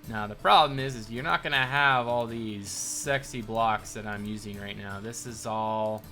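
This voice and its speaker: A man's voice: fairly low pitch, normal speed. A man hosting a live stream, casually chatting while he builds and answering viewer questions as they come in. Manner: thanks followers and answers viewer questions in a relaxed ramble. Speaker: livestream host building in a game. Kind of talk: casual live commentary reading chat. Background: faint game soundtrack music.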